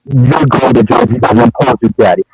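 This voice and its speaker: A man's voice: medium pitch, normal speed, slightly rough, no room sound, faint music behind, low-quality recording. Brash man over glitching audio. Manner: mock-insulting, brash trash talk. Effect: glitching, broken-up audio. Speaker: returning panel guest. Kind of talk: livestream banter.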